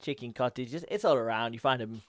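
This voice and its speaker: A man's voice: medium pitch, quick pace, no echo. An English man co-hosts a casual podcast chat. He banters in a joking, self-deprecating way. His voice sounds dry and close to the mic. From England. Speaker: podcast co-host.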